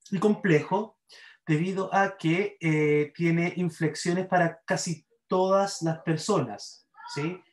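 Chilean man teaching grammar in an echoey room. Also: on the high side. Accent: Chilean Spanish. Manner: explanatory, repeats examples, checks with students. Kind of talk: online class lecture.

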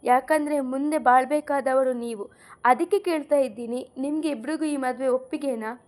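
Woman reading a gentle motherly elder. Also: high voice, moderate pace, lightly acted. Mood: earnest. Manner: coaxing, motherly. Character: kind elderly mother arranging marriage, gentle. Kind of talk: audiobook character reading.

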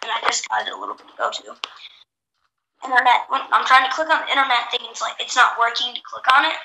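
Brief: chatty gaming host, woman, bright higher voice, roomy bathroom echo, faint hiss. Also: fast. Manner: chatty, talks to viewers. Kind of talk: casual game chat. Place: small echoey bathroom. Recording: echoey bathroom, faint noise.

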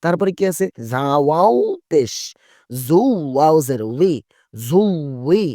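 A man's voice: fairly high pitch, lively intonation, takes it slowly, warm tone, no room sound, clean studio sound. A man teaching a Quran recitation lesson, patiently spelling out letters and asking and answering his own questions.

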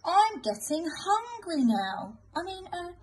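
A woman's voice: extremely high pitch, big pitch swings, takes it slowly, a little mellow, voice pushed up, exaggerated voice. A woman voicing a sly, hungry wolf who sweet-talks in a wheedling storybook voice. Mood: coaxing.

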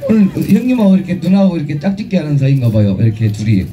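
High-voiced joking festival emcee man. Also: sing-song, very fast, noisy background. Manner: joking, crude teasing, shouting cues. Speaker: street performer emcee. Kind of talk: outdoor festival stage banter with the crowd. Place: outdoor festival stage.

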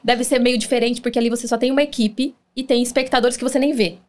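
Uma mulher brasileira apresentando um podcast em conversa casual, fazendo perguntas às convidadas de forma animada. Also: female voice, a little high, quick pace. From Brazil. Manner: lively, conversational, leading questions. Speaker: podcast host. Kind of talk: casual interview chat.

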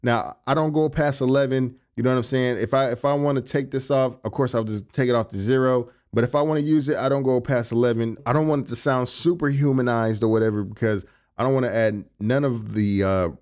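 This is a relaxed tutorial walkthrough from a young producer and engineer, who casually explains the vocal setup in his home studio. His voice is low and fairly quick, picked up by a large studio condenser mic on a stand, and he leans heavily on conversational fillers like "you know what I'm saying."

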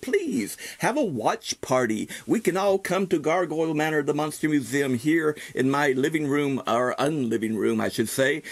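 Man playing a slow, creaky-voiced horror host. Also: on the high side, exaggerated voice. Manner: hammy, drawn-out, savoring delivery with sinister chuckles. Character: genteel, ghoulish male vampire-like horror host in top hat. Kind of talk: theatrical horror-host promo monologue. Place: small dressed indoor set.

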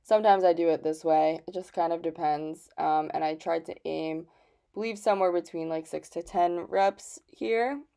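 A woman's voice: on the low side, steady tone, moderate pace, creaky, mellow. Chatty young woman vlogging. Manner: chatty, many fillers, casual swearing. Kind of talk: casual vlog talk to camera. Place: gym, then at home.

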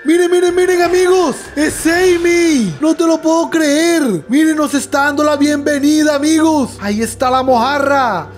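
A man hosting a let's play, talking excitably and constantly calling out to his viewers as friends. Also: very high-pitched, moderate pace, few pauses, soft background music. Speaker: gaming channel host.

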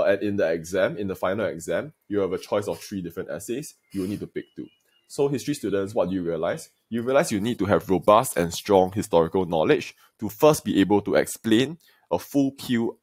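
In a low-sitting voice that is darkish and slightly breathy, a male history teacher at secondary level delivers a video lesson. His intonation is lively, and he lectures in a deliberate, emphatic manner directly to his students.

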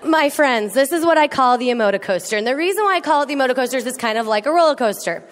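A woman giving a comedic talk to a live audience, animated and teasing, acting out quoted voices. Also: sits high, very fast. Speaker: speaker. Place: large hall with an audience. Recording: echoey hall with faint noise.

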